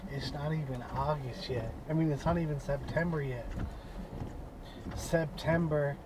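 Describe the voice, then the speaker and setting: A man from west central Florida, a rideshare driver, talking casually in a rambling vlog with halting restarts. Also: a little high, steady tone, background noise.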